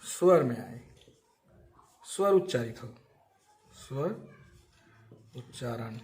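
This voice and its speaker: A man's voice: mid-range voice, expressive, takes it slowly, darkish tone, a little hiss or hum. A man teaching an English grammar lesson, explaining step by step and asking and answering his own questions.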